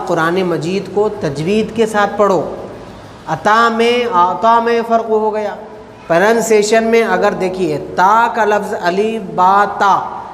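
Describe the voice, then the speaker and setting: A man's voice: sits high, slight background noise. A man giving a Friday sermon in a mosque, explaining pronunciation and repeating his phrases, often calling listeners brother. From India. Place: mosque hall. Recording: echoey mosque hall with faint ambience.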